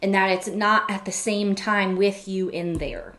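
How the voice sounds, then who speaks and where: A woman's voice: mid-range voice, fairly even intonation, a little slow, fairly bright tone. Chatty woman teaching on a live stream. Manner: chatty, laughs often, many fillers and self-corrections. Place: home office. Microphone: computer webcam mic.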